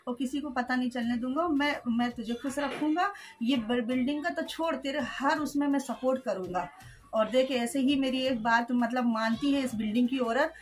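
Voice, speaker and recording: High-voiced woman telling her story. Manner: storytelling, quoting others' words, frequent "haan, ji". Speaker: interviewee recounting an incident. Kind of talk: emotional first-person account.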